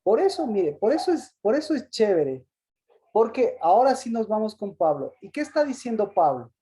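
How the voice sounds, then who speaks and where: A man teaching an interactive Bible study on a video call, pausing and repeating words as he asks questions. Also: high-pitched, sing-song, mellow.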